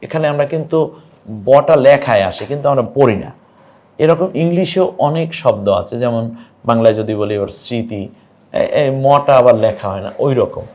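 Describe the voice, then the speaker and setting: A man's voice: mid-range voice, a little mellow. Patient male teacher drawing out syllables. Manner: patient, drawn-out syllables, quizzing the viewer. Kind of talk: online lesson on reading Arabic vowel marks.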